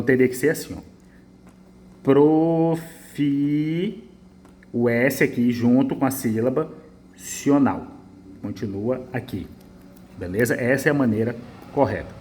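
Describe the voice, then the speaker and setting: A man with a Brazilian accent teaching an essay-correction lesson, emphatic and lively, repeating his points as he marks the page. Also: medium pitch. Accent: Brazilian Portuguese. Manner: lively, emphatic, repeats phrases while writing. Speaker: writing teacher.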